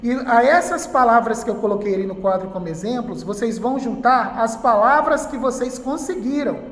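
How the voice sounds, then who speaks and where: A Brazilian man teaching a recorded school lesson in front of a whiteboard, patiently repeating key words slowly and checking in with "tá?". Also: extremely high pitch. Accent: Brazilian Portuguese. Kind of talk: recorded online class lesson. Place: classroom with a whiteboard. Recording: echoey room with long reverb.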